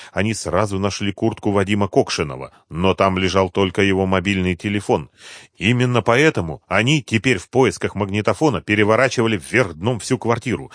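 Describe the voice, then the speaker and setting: A man narrating a crime audiobook in an even, measured manner. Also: sits low, no echo, clean studio sound.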